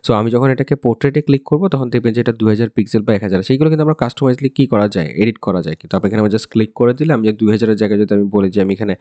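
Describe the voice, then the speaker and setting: A man rattles through a software tutorial at a very fast clip. His voice is low and mellow, and it is recorded dry, with no room sound. He explains in repeated loops and keeps checking that his listeners follow. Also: no room sound, highs cut off. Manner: rapid, repetitive explaining with frequent fillers and checks.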